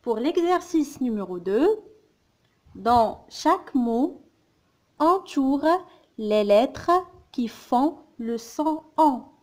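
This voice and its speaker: Slow deliberate teacher lady, higher voice, says every syllable twice. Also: a little mellow. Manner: sounds out words slowly, repeating syllables. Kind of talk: slow, careful phonics lesson.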